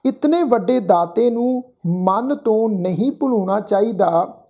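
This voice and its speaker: A woman teaching Sikh scripture in a gentle devotional talk. She chants verses slowly and carefully and explains how to pronounce them correctly. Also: mid-range voice. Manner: slow, drawn-out chanting of verses with careful diction. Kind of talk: gentle devotional exposition with recitation.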